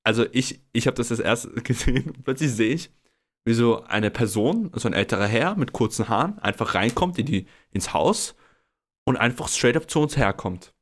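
A young man tells a story in a casual podcast chat. He is animated and acts out other people's lines, laughing often. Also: medium pitch, normal speed. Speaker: podcast co-host.

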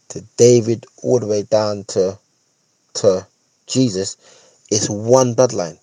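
A man's voice: fairly low pitch, warm tone, no echo, low-quality recording. A man with a London roadman accent and urban street slang gives a casual, opinionated monologue as a host, repeating phrases for emphasis and checking that listeners follow. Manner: emphatic, repeats phrases, seeks agreement with tag questions. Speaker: podcast host.

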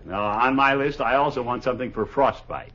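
A man's voice: medium pitch, a little fast, a bit bright, natural voice. An actor playing a pompous, flustered middle-aged man with a blustering, theatrical manner in 1950s radio comedy. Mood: blustery. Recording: dull, faintly noisy old radio recording.

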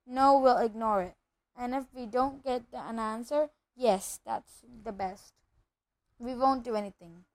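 A woman's voice: on the high side, measured pace. Woman voicing Uncle Vernon, a blustering bullying man. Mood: agitated. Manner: barking, sputtering outbursts. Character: bullying, blustering middle-aged uncle, short-tempered man.

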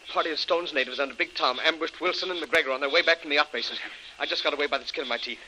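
An old-radio crewman, urgent report, very quick bright delivery. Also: on the high side, a little hiss or hum, low-quality recording. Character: breathless male sailor bringing bad news. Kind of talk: 1930s radio drama acting.

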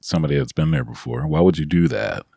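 A man's voice: a bass voice, fast talker, vocal fry, mellow, husky, dry recording, clean studio sound. A middle-aged man co-hosting a podcast from his bedroom, blunt and sarcastic, laughing often in casual chat. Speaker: podcast co-host. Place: bedroom at home.

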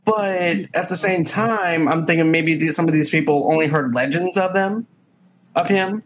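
A man co-hosting a movie review podcast eagerly retells scenes from the film scene by scene, quoting its lines in a casual, animated chat. His voice is a little high at a moderate pace, with slight background noise.

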